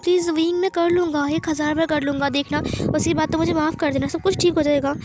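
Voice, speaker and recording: A woman's voice: high voice, steady tone, fast, music in the background, natural voice. Woman voicing a pleading, remorseful young husband in an audio story. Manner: pleading, apologetic, stammering.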